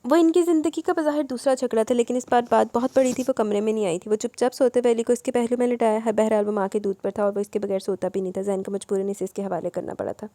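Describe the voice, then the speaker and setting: A woman's voice: on the high side, fairly even intonation, few pauses, dark tone, dry recording. A woman reading a romance novel aloud with emotive storytelling. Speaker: novel reader. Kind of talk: scripted novel narration.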